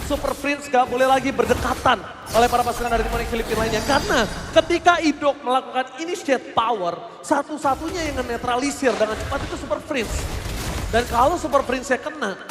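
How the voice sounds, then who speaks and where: An Indonesian man giving emphatic, dramatic live play-by-play commentary on a mobile game match. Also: very high-pitched. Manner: emphatic, dramatic delivery with drawn-out calls. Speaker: esports commentator. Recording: echoey hall, loud music behind. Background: music.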